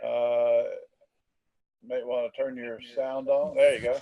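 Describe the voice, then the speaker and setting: A man moderating a video call, halting and filler-heavy as he calls on participants. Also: mid-range voice, flat delivery, warm tone, no echo, rough recording. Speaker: host, moderator.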